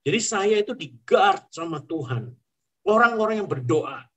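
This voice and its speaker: Man, forties, pilot sharing testimony, earnest storytelling, somewhat high voice. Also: lively intonation, moderate pace. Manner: earnest storytelling, mixing in English phrases. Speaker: airline pilot giving testimony. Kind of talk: personal testimony, conversational.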